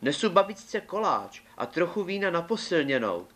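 A man's voice: fairly high pitch, sing-song, a bit bright, pitched above the performer's own voice. A man voicing an innocent, trusting young girl in a fairy tale, speaking sweetly and naively. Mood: polite.

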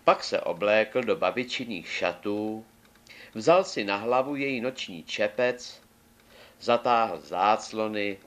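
A man reading a fairy tale aloud in a measured, deliberate way. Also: on the low side, a bit bright. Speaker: storyteller.

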